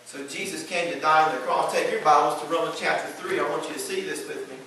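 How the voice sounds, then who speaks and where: High-voiced preacher man in echoey hall. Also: fast, far from the mic, crowd noise. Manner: preaching with Bible readings, builds to shouts. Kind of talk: sermon.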